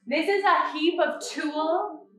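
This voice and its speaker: Bright, high-voiced chatty woman decorator. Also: a little slow, heavy reverb, distant mic, rough recording. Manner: chatty, bubbly, laughs often. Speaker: holiday decorator and host. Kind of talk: live-stream tutorial chat. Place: decorating studio.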